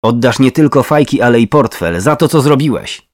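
A man's voice: mid-range voice, lively intonation, moderate pace, no echo, clean studio sound, natural voice. A man voicing an aggressive, volatile young woman who snaps and curses in short bursts, in a true crime reading. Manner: curt, snapping, cursing.

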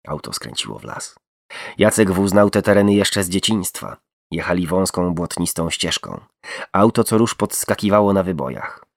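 A man's voice: low-pitched, vocal fry, no room sound, studio quality. A man narrating a true crime story dramatically. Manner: dramatic, shifts tone for quoted speech.

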